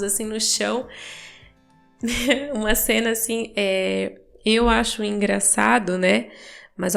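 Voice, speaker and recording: A woman's voice: mid-range voice, gravelly. A young Brazilian woman chatting casually as a podcast host and mother, telling a story with lots of tag questions and acted-out dialogue. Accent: Brazilian Portuguese.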